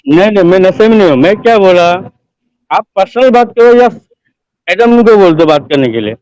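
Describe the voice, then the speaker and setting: A man calling in to a debate who speaks haltingly and defensively. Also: high voice, expressive, a little mellow, poor audio. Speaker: caller. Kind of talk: heated call-in argument.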